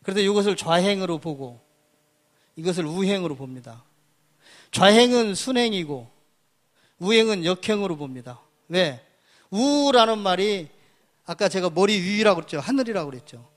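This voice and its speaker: A man with a high voice delivers a public lecture, walking through each character piece by piece. He points at the board as he goes and often poses a question, then answers it himself. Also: lively intonation, moderate pace, long pauses. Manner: asks and answers his own questions.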